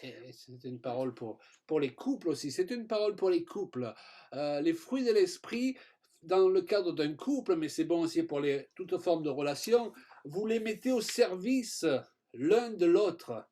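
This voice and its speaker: A man co-teaching a sermon over a video call alongside his wife, speaking in a calm and measured way. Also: sits high.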